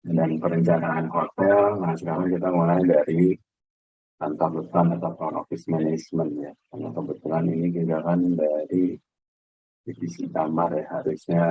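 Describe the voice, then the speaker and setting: An Indonesian lecturer with a very low, slightly husky voice talks students through his lesson in a loose, conversational manner. He comes through a video call with a dry, dull, lo-fi sound. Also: dry recording. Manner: relaxed, conversational, frequent fillers. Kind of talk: online class lecture.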